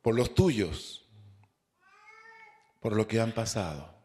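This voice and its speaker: Slow, deliberate Chilean pastor. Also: male voice, on the low side, expressive, mellow. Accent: Chilean Spanish. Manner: slow, drawn-out preaching with rhetorical questions and repetition. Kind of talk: sermon, Bible study.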